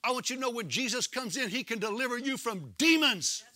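A man preaching a sermon, impassioned and shouting at the peaks in a sing-song preaching cadence. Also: very high voice, animated, brisk.

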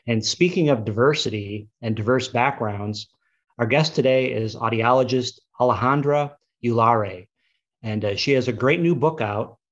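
A podcast host with a medium-pitched voice introduces his female guest and puts questions to her. He comes across as friendly and measured, with occasional fillers, and the sound is lo-fi.

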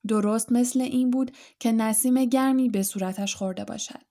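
A woman narrates a storybook in a calm, even reading voice. Her tone is mellow and soft, and her voice sits a little high. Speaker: audiobook narrator.

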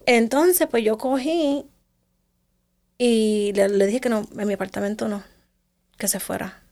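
A woman, telling her own life story in an interview and sometimes sinking to a hush. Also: a little high, unhurried. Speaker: interview guest. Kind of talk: emotional personal testimony.

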